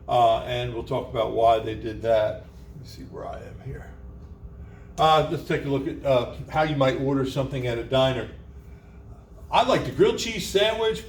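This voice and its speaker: A man's voice: medium pitch, a little hiss or hum. A man teaching a class, lecturing in a conversational way with lots of fillers and rhetorical questions, spelling words out letter by letter. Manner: spells words out letter by letter and sounds out old pronunciations.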